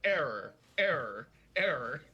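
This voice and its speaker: A man's voice: a little high, husky, dull audio, full character voice. Man doing a droning robot voice, Odd Job. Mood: robotic. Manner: flat robot voice, slow droning monotone readouts. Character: malfunctioning robot man, stiff and glitchy.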